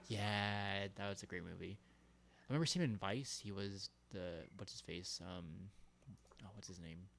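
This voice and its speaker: A young man co-hosting a casual podcast chat, talking haltingly and searching for his words. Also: sits low, creaky, fairly bright tone. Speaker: podcast co-host.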